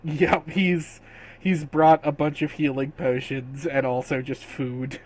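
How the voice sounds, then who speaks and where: A man runs a tabletop game as game master, talking slowly. He is relaxed and laughs easily. His voice is slightly high.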